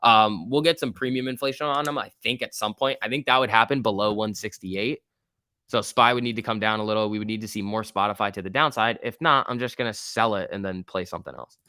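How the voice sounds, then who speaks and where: A man's voice: fairly low pitch, fast talker, pushed and bright, clear, resonant tone, no echo, studio quality. A man giving casual live market commentary as a stock trading streamer, reading out chat in slangy, repetitive bursts. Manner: informal slangy muttering to himself, repeats words.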